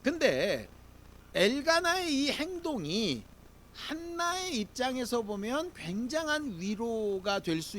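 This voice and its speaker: A man's voice: sits high, a bit bright, slight background noise. A man preaching a Sunday sermon as pastor, talking in a conversational way with rhetorical questions and leading the congregation in reading scripture aloud.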